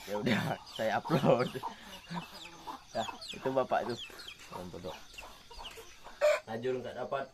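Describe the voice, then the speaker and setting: A man talking casually to his viewers in a vlog from a rural hut, addressing them as friends and repeating himself. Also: on the low side. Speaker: vlogger. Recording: noisy outdoor audio with roosters clucking.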